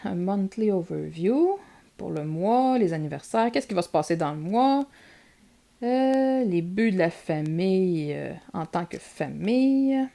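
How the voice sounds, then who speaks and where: A woman's voice: fairly low pitch, creaky, warm tone. A woman with a Québécois accent chatting casually as she shows off her purchases in a vlog, using lots of filler words. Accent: Québécois French. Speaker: vlogger showing purchases. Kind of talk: casual show-and-tell vlog.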